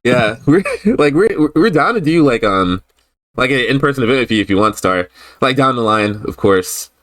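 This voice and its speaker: A man's voice: medium pitch, expressive, moderate pace, a bit bright. A man from Florida hosting a casual online chat, rambling with lots of fillers and breaking into giggles. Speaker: host.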